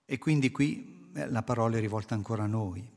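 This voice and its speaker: A man's voice: lowish voice, fairly quick, darkish tone. A man preaching a sermon to a congregation, explaining scripture earnestly and posing rhetorical questions. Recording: long hall reverb.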